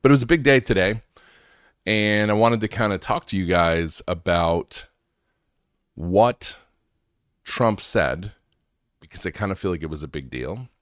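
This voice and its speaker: A man's voice: deep voice, expressive, a little slow, pauses often, dry recording, studio quality. A man hosting a talk show with informal, conversational political commentary, slightly wheezy and congested from allergies.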